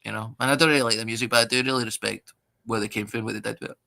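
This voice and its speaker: A Scottish man in his thirties, a comedian chatting in a casual interview, animated and sweary, acting out other people's voices as he tells stories. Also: medium pitch, rapid-fire, creaky. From Scotland. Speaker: stand-up comedian guest.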